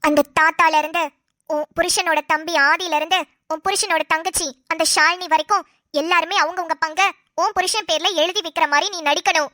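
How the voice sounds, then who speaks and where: A woman's voice: fairly even intonation, fairly quick, bright, forceful tone, no echo, studio quality. A woman doing a sly, bossy scheming young woman. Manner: low, firm, coaxing. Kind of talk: cartoon voice acting.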